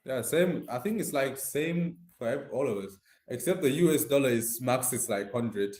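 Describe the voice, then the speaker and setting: This streamer, a man from Nigeria, addresses his live audience directly and informally, using plenty of slang in his Nigerian accent. His medium-pitched voice is a little mellow, with lively intonation at a normal speed, and the echoey indoor room colors the sound.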